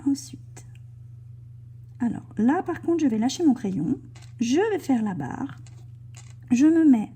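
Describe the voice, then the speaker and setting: A teacher leads a cursive writing lesson for young children, speaking slowly and gently as she talks the child through each stroke. Her fairly high voice is very mellow and dark, strongly breathy and husky, and she slips into soft whispers while writing.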